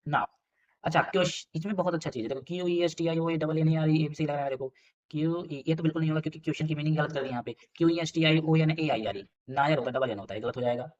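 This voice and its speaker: A man with a fairly high voice races through a spelling lesson for exam students. He thinks aloud, repeats words and spells them letter by letter. The recording sounds dull and lo-fi. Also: darkish tone. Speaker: English teacher for exam prep. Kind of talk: casual spelling quiz lesson.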